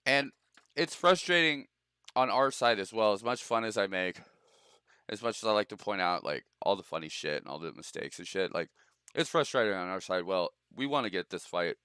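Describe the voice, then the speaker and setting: A man's voice: lowish voice, animated, moderate pace, pushed and bright, clean tone, no room sound, clean studio sound. Laid-back profane streamer guy. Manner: loose, profane, laughs a lot, bro talk. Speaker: streamer hosting a game show. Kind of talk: casual gaming stream chat.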